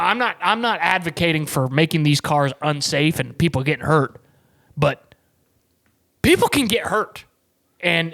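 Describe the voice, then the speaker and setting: A man's voice: fairly high pitch, creaky, a bit bright, dry recording, studio quality. A man giving a blunt, emphatic, profane sports rant as a podcast host.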